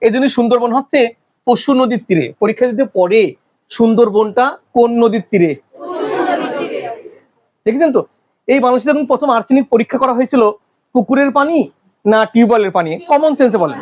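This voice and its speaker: Male teacher, high-pitched, quizzing a classroom, muffled lo-fi recording. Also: animated, a little hiss or hum. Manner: quizzing the class with rapid questions. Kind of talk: classroom lecture.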